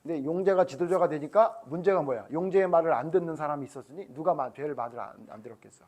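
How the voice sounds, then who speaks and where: A man's voice: on the high side, fast talker, a little mellow. A middle-aged male pastor giving a children's sermon, asking the kids questions and acting out what the people in the story say. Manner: asks the children questions, acts out voices.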